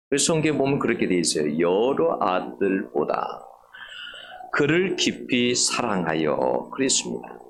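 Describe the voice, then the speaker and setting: Korean pastor preaching with lively pitch. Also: male voice, creaky, slight background noise. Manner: earnest storytelling, swells higher and louder for emphasis. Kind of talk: sermon. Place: church sanctuary.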